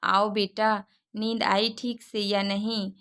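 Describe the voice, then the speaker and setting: A kind, affectionate mother-in-law speaks gently in a storybook tale, voiced by a woman reading it. Her tone is sweet and unhurried. The voice is clear and bright with little rise and fall. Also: medium pitch, flat delivery.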